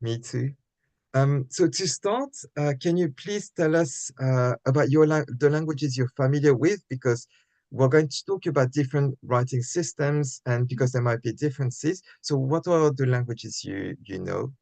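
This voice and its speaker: A man's voice: mid-range voice, moderate pace, creaky, darkish tone, no echo. A man hosting a live online interview, welcoming and introducing his guest in a polite, formal way. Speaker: host.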